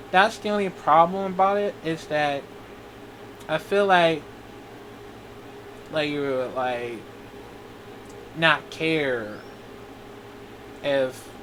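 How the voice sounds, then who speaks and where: A man in his twenties talks slowly in a personal video diary, his voice pitched a little high. He halts often and starts his sentences over, rambling as he goes. A faint hum sits underneath. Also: a bit bright, rough recording. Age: 20s. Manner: halting, rambling, full of restarts. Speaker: vlogger.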